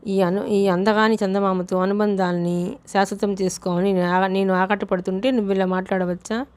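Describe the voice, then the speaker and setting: A woman's voice: medium pitch, little pitch movement, fairly quick, a little mellow, clean tone, natural voice. A woman voicing a young man who is an ardent, persistent lover, speaking in an earnest, coaxing way.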